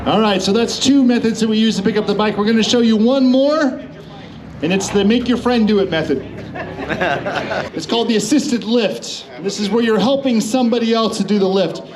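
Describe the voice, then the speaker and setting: Very high-pitched man, jokey showman instructor, live presentation, crowd sounds behind. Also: fairly quick. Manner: showman-like, jokey, addresses the audience. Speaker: motorcycle instructor and demonstration host.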